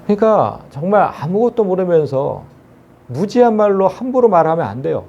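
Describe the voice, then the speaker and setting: A man preaching a sermon as pastor, earnest and animated, asking the congregation rhetorical questions. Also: high voice, moderate pace, vocal fry, highs cut off.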